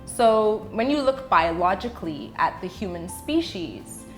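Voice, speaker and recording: Speaking as a guest in an interview, this middle-aged woman with Bahamian and British roots teaches through deliberate, pause-filled explanations. Her medium-pitched voice is animated, with faint music behind it.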